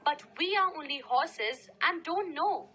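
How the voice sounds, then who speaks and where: A woman reading the part of a gentle, wise old male riding horse in a storybook, in a calm, reflective way. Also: high voice, unhurried, full character voice, rough recording.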